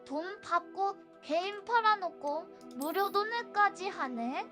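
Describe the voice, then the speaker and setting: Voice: very high voice, expressive, takes it slowly, music in the background. A childlike synthetic voice reading out viewer messages on a livestream. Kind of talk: read-out of viewer donation messages.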